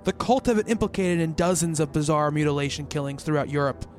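This man talks fast, with a fairly high pitch, a darkish tone and a natural sound. He plays an anxious, rational researcher in a spooky radio drama, narrating thoughtfully and speaking in character over music. His radio play dialogue and first-person narration stay pensive and measured.

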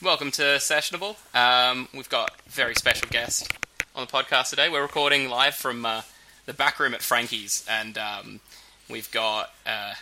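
A man's voice: mid-range voice, normal speed, pushed and bright, slight background noise, poor audio. A man casually hosting a podcast live from a small back room of a bar, speaking in a hesitant, loosely conversational way. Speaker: podcast host.

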